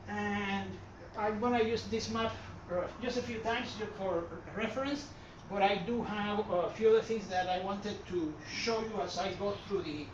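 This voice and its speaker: In a gallery hall filled with an audience, a Puerto Rican man gives an art history talk in a Puerto Rican Spanish accent, his voice high-pitched. He meanders, corrects himself, and relies on lots of fillers. The echoey room mic sits far away, so the sound comes across dull and noisy.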